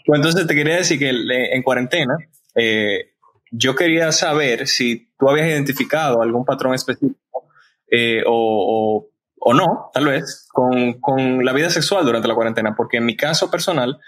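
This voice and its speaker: A man's voice: mid-range voice, normal speed, fairly bright tone, rough recording. A man hosting a casual podcast, asking questions in a frank, rambling way with many restarts. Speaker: podcast host.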